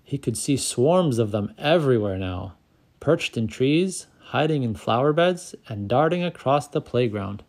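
A man narrating a children's picture book aloud, calm and clear, as the channel's storyteller. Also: mid-range voice, a little slow.

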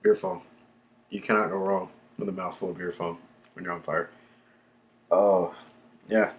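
In a low-pitched, level voice at a moderate pace, a man talks his way through a hot pepper tasting in an unscripted vlog. He's relaxed and rambling, full of ums and likes, puffing and sighing as the heat hits.

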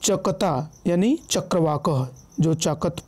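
A man's voice: a little high, slow pace. A man teaching an exam-prep vocabulary lesson, going down a list word by word, often checking in with listeners and correcting himself. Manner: repeats "ठीक है" as a check-in, self-corrects.

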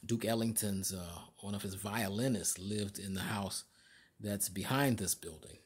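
Husky-voiced man giving a casual tour. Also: on the low side. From Chicago area. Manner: halting, many fillers and restarts. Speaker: vlogger. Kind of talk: casual walking tour narration. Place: inside a large store, indoors.

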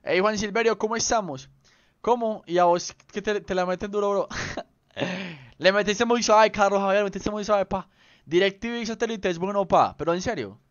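A man's voice: sits high, normal speed, dry recording. A young man chatting casually with viewers on a game livestream, playful and rambling, full of slang. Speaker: streamer. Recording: slightly dull lo-fi stream audio.

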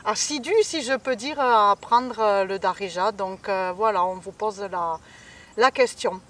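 A woman's voice: medium pitch, measured pace, a bit bright. A woman co-hosting a casual language lesson, chatty, asking questions and speaking straight to viewers. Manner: chatty, asks questions, addresses viewers directly. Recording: voice a bit far from the mic.

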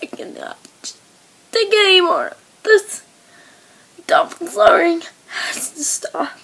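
Upset vlogger: high-pitched woman, tearful, half-whispered, creaky, slow. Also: fairly bright tone. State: crying. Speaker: video blogger. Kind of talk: emotional reaction video.

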